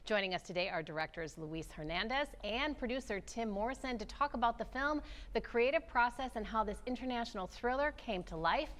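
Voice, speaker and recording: A woman's voice: a little high, fairly quick, a bit bright. An American woman presenting and interviewing as host of an upbeat lifestyle TV show.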